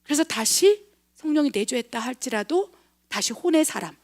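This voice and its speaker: A middle-aged woman pastor delivers a sermon in a high, bright-pitched voice. She presses her points with rhetorical questions to the congregation. She swings from forceful stresses to soft, almost whispered asides. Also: lively intonation, normal speed. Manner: emphatic preaching with frequent rhetorical questions; swings between loud stresses and hushed, near-whispered asides. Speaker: missionary pastor.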